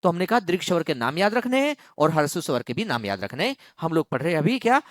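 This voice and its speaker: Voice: mid-range voice, big pitch swings, fast talker, no room sound, studio quality. A teacher giving a grammar lesson for exam students, repeating key phrases, asking the class questions and stretching out words to show long vowels.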